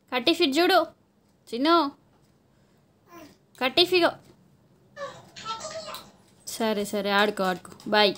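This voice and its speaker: A woman with a Telangana Telugu accent coos and teases her small child, her high voice bouncing through sing-song questions. She talks into a phone camera at home, playful and coaxing, with a faint hiss of noise behind her. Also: a bit bright. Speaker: mother filming her toddler.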